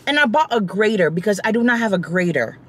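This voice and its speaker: A pregnant woman vlogging casually on her phone camera, animated and exasperated, sometimes rising to shrieks. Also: medium pitch, quick pace. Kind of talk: casual vlog chat.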